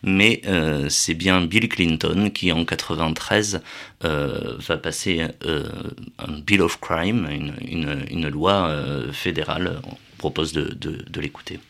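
A man presenting a radio talk segment from the studio, halting often with fillers as he explains. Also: extremely low pitch, vocal fry, fairly bright tone. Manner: hesitant, many euh fillers.

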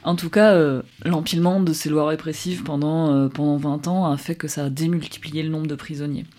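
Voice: mid-range voice, fairly even intonation, brisk, darkish tone. A radio co-host in the studio who asks questions and explains. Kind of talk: radio talk segment.

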